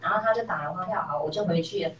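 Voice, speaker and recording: Speaking rapid-fire in a fairly low, slightly bright voice, a middle-aged woman gives a personal testimony to her class, voicing the people in the story herself. The recording picks her up from across an echoey room, with slight background noise.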